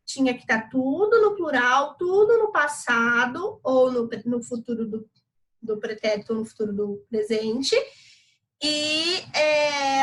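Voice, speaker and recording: A woman's voice: high voice, fairly bright tone, low-quality recording. A Brazilian woman teacher giving a recorded online lesson, explaining step by step and checking in with frequent tag questions. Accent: Brazilian Portuguese. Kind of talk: recorded online class lecture.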